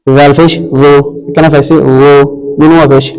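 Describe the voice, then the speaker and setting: A man teaching Quran reading, spelling out each letter and vowel, then blending and repeating syllables slowly. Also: fairly high pitch, little pitch movement, a little mellow, clean tone. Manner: repeats syllables and tells listeners to pay attention. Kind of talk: slow spelled-out recitation lesson. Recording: long reverb.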